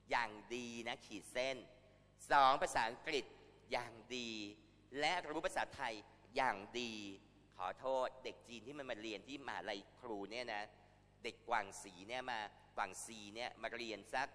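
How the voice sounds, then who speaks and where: A man's voice: mid-range voice, bright, forceful tone, big-room sound. A man lecturing a university class, blunt and scolding, with crude slang and swearing. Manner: scolding, warning students. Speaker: university Thai language lecturer.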